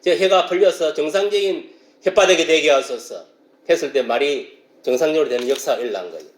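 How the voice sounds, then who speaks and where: A man preaching a sermon as pastor, explaining a passage and now and then breaking into loud shouted exclamations. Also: fairly high pitch, quick pace, reverberant.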